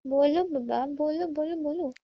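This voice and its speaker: A woman's voice: high-pitched, measured pace. A young woman chatting playfully with her partner on a phone call, laughing often and teasing him. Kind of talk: casual couple's phone chat.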